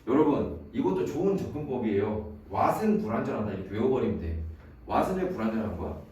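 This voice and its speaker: A man's voice: on the low side, big pitch swings, fast, a little mellow. A man teaching an exam-prep English grammar lecture in a classroom, quizzing students by name and using playful memory tricks. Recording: very echoey room, voice from a distance, faint noise.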